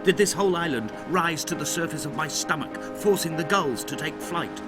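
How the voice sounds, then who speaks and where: A man narrating a game as a grieving, haunted letter writer in a slow, mournful way, over loud game music. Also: a little high, animated, close to an everyday voice. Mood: brooding.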